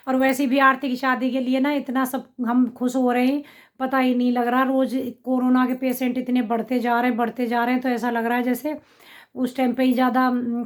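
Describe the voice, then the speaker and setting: A middle-aged woman with a slight cough, chatting to her viewers in a rambling account of her family's day. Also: fairly high pitch. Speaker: family vlogger. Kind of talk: casual vlog talk to camera.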